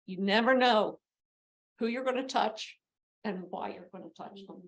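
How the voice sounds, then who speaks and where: A woman's voice: mid-range voice, moderate pace. A woman on a panel telling a personal anecdote to a group. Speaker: panel speaker, parent.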